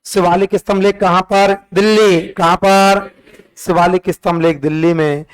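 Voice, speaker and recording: A man's voice: high voice, steady tone, normal speed, clean tone, low-quality recording. A man teaching history, drilling facts through repeated questions and sing-song counting in call-and-response revision.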